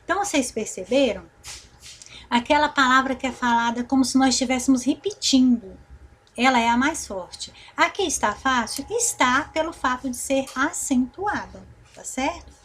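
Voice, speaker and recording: A Brazilian woman teaching a recorded grammar lesson, repeating and stretching syllables slowly and checking in with the class often. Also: high voice, expressive, a bit bright, breathy edge. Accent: Brazilian Portuguese. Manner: slow, drawn-out repetition of syllables, frequent "né?" and "tá certo?" check-ins.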